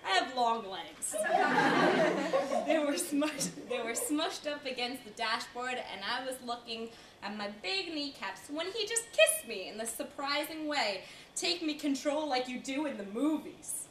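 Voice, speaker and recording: A young woman, a student performer, delivers a theatrical monologue as a reluctant, embarrassed old American lady reminiscing wistfully, flustered and confiding with dramatic stops and starts. Her high voice is animated, fairly bright and at normal speed. It was recorded indoors before a college audience, in an echoey room with a distant mic and faint hiss.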